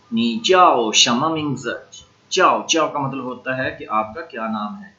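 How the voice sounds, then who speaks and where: A man's voice: medium pitch, pushed and bright, dull audio. A man teaching a recorded language lecture who says each new word several times and spells it out. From Pakistan.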